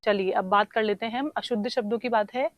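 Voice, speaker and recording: A woman teacher going through exam answers one question at a time. She explains slowly, spells out words while she writes them and keeps checking with "theek hai". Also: medium pitch, steady tone, lo-fi sound. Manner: often says "theek hai" to check understanding. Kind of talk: exam answer discussion lesson.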